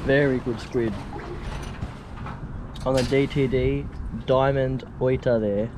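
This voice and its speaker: A man's voice: medium pitch, fairly even intonation, slow pace. A young man giving casual, upbeat running commentary while fishing from an outdoor pier, talking to his viewers, recorded on a head-mounted camera. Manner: chatty, upbeat, addresses viewers as guys. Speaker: fishing vlogger. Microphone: head-mounted action camera. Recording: loud wind noise on camera mic. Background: wind and water.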